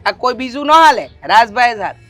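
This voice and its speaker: A woman's voice: on the high side, big pitch swings, fairly quick, no room sound, faint music behind. A woman playing a caring village housewife who coaxes a worried relative to speak openly. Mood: concerned. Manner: concerned, coaxing. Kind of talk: rural family stage drama.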